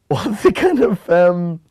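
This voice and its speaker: A man's voice: sits high, big pitch swings, dark tone, breathy edge. A young man from northern England, rambling and hesitant as he recalls his childhood in an interview. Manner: rambling, hesitant, many fillers, bursts of quick talk. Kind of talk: reminiscing about childhood.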